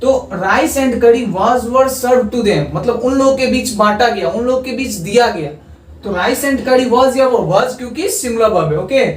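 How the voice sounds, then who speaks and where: A man teaching English grammar in a video lesson. He dictates example sentences slowly and keeps checking in with "okay?". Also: extremely high pitch, a little hiss or hum. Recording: echoey room, far from the mic.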